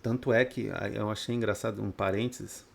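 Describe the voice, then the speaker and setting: A Brazilian man with a lowish voice and vocal fry teaches a trading course, talking fairly quickly with fairly even intonation. His unscripted lecture to students is blunt, profane and off-the-cuff, packed with rhetorical questions.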